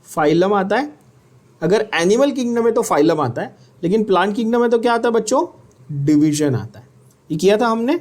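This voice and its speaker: A man's voice: high-pitched, animated, moderate pace, darkish tone. A man teaching biology for an exam, asking questions and having students repeat terms. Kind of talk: exam-prep lecture.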